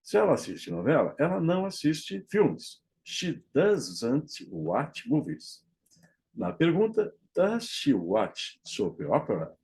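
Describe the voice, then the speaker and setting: Slow, lively-voiced male teacher. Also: fairly high pitch. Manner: checks understanding with frequent "ok?"; models English phrases slowly and deliberately. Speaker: English teacher. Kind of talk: explaining English grammar to Portuguese speakers.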